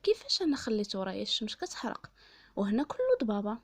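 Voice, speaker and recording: A woman's voice: mid-range voice, huge pitch swings, fast talker. A woman voicing a frightened, feisty young village girl in a bedtime folk tale, with a Moroccan accent and pleading exclamations. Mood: scared, bewildered.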